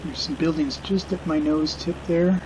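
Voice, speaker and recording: A middle-aged man narrates his flight simulator game casually. He is musing and hesitant, in a slightly higher than average voice, with noticeable engine drone behind him. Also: steady tone, noisy background. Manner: hesitant, musing, unhurried reminiscing. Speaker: video game streamer flying a simulator. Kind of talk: casual unscripted gameplay commentary.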